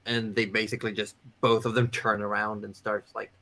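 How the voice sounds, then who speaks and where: A man's voice: fairly low pitch, level tone, a little fast, pushed and bright. A man narrating a tabletop game as game master, improvising and often repeating phrases as he goes.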